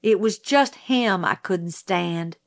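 A woman voicing a small, sensitive boy, speaking softly and earnestly. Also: mid-range voice, slow pace. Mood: upset.

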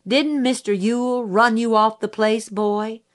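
Lady doing a mean prosecutor guy, slow and sneery, drawls each question out. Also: on the high side, fairly even intonation, voice pushed up, natural voice. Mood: scornful. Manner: slow, cutting, rising in outrage. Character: stern male prosecutor, sneering and scornful.

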